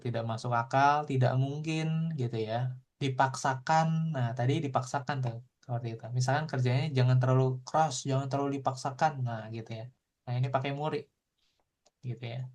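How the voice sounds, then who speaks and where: A man teaching a language class, explaining vocabulary in a relaxed way and repeating tag phrases often. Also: medium pitch.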